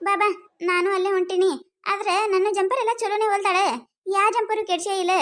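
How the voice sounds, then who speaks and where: A performer voicing an angry village woman with a North Karnataka accent who complains fast and high in a cartoon comedy. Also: little pitch movement, a bit bright, a little hiss or hum. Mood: annoyed. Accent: North Karnataka Kannada. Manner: quick, high, scolding complaints. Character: angry village woman customer, fussy about her blouse.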